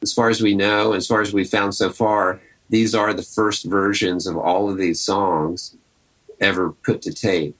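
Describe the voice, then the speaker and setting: A man hosting a podcast, telling the story behind old recordings in a relaxed, conversational and enthusiastic way. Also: lowish voice, measured pace, poor audio. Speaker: podcast host. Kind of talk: casual storytelling commentary.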